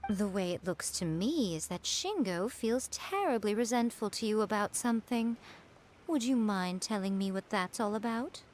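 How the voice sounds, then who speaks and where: Imperious game priestess acted by a woman, mid-pitched, measured, condescending, teasing menace, some background noise. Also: expressive, a little mellow, natural voice. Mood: probing. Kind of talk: video game dialogue.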